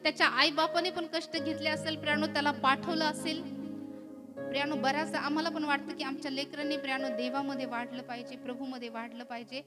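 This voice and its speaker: A middle-aged woman preacher with a Marathi accent, giving a sermon full of "hallelujah" and "beloved" refrains and swelling into loud, emphatic exhortation. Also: high voice. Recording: music playing behind the voice.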